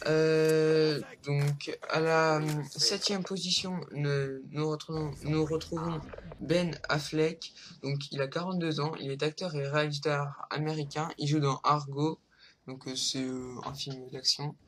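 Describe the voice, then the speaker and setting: A man's voice: a little high, fairly even intonation, a little slow, a little hiss or hum. A young man hosting a casual countdown vlog, hesitant, with lots of fillers and rambling asides. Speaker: vlogger. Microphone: low-quality home recording.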